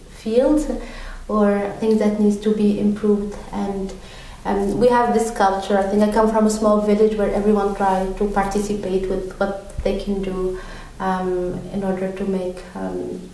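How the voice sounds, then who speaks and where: A woman from Tunisia speaks as a podcast guest with a mellow, dark tone, pausing often on ums and restarting her sentences. She sounds set back from the microphone in a very echoey room. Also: mid-range voice, slight background noise. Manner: hesitant, many ums and restarts. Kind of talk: conversational interview answers. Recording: very echoey room, mic far off.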